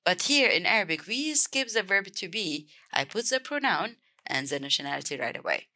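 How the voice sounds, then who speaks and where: A woman from Egypt with an Egyptian accent, teaching a beginner language lesson and clearly repeating each word several times. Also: on the low side, very animated, normal speed, sharp tone. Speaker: Arabic teacher.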